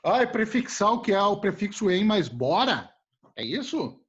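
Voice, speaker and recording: A male teacher, joking and animated as he explains things to his class. His pitch leaps around a lot, and his voice is a little husky. The recording sounds muffled and lo-fi. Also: unhurried. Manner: animated, jokey, talks to students as a group. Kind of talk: casual classroom lesson.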